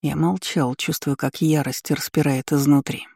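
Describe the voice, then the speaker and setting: A man reading a first-person adventure novel aloud, steady and dramatic in delivery. His voice is mellow and dark, and the recording is close and dry, with no room sound. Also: on the high side, normal speed, gravelly, slightly rough, no room sound. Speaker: audiobook narrator. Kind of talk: scripted first-person narration.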